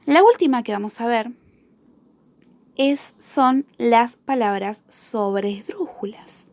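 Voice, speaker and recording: Slow, careful woman teacher. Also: on the high side, lively intonation, darkish tone, no echo. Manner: slow, repeats each example word carefully. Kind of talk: spelling lesson for children.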